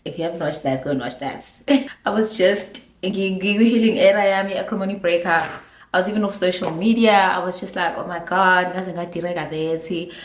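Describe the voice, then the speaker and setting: A woman's voice: fairly low pitch, a little fast. A young woman with a South African accent, chatting casually through a storytime vlog, giggly and dropping in Zulu phrases while getting ready at home. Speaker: vlogger, makeup artist. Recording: echoey room.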